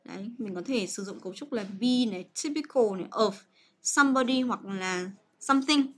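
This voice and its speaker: Young woman doing a live english grammar lesson, bit high voice, chatty, keeps checking "right?". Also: animated, moderate pace, a bit bright. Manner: chatty, coaxing, full of fillers and checks like "right?". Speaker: English teacher.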